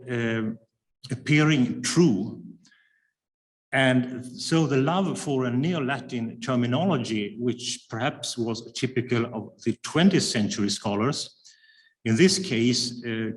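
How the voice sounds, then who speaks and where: Reading from a prepared academic paper, this Swedish-born man lectures in a mid-range voice. He proceeds carefully and deliberately, often hesitating with fillers.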